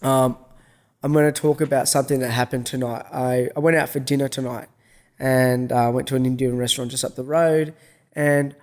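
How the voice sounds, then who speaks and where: A middle-aged man telling a story in a casual monologue, rambling with restarts and swearing. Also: medium pitch. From Australia. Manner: rambling, frequent restarts and swearing, acts out dialogue. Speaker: vlogger.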